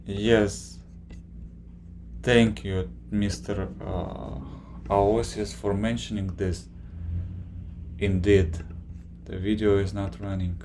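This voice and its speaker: A man casually chatting on a live stream, reading out viewer questions and reacting, with halting pauses. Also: lowish voice, flat delivery, darkish tone, a little hiss or hum. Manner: slow, halting, many filler pauses.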